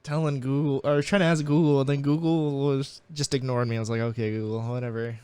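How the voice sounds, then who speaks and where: A man co-hosting a casual interview, relaxed and quick to laugh. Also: fairly high pitch, clean tone, no echo. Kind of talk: casual chat.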